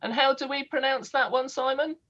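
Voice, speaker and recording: A woman's voice: high-pitched, steady tone, a little fast, a bit bright, dull audio. A woman hosting a live online show, chatting over a video call and asking questions with plenty of fillers. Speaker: host.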